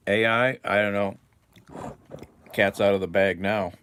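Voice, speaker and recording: Deep-voiced man chatting slowly. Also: a little hiss or hum. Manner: rambling, musing aloud with soft chuckles. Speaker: livestream host. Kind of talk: casual live chat.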